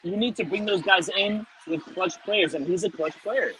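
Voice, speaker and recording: A man's voice: high-pitched, normal speed, sharp tone, poor audio. A man co-hosting a casual sports fan discussion in an emphatic manner. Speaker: sports show co-host. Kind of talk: casual baseball fan talk. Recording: noticeable background ambient noise.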